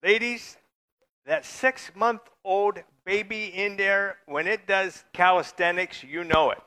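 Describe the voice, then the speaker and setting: A pastor preaches slowly to his church in a loose, conversational style, occasionally joking with the congregation. His slightly high voice rings out bright and forceful.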